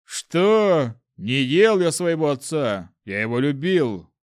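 A man voicing a brutish, hot-tempered male prison guard who snarls and shouts. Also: fairly high pitch, sing-song, slow pace, clear, resonant tone, no echo, studio quality. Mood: angry bellowing.

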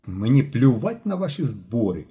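An arrogant schoolboy drawls his answers with cool disdain in a storybook reading, voiced by a man. The tone is mellow and the pitch rises and falls widely. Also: big pitch swings, normal speed, natural voice. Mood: haughty. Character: arrogant snobbish schoolboy Yurko.

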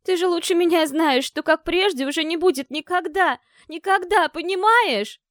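A woman voicing a grieving teenage younger sister who cries and shouts accusations. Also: very high-pitched, measured pace, creaky, dry recording, clean studio sound, pitched above the performer's own voice, heavily acted. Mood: tearful, accusing. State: crying. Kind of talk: audiobook character voice.

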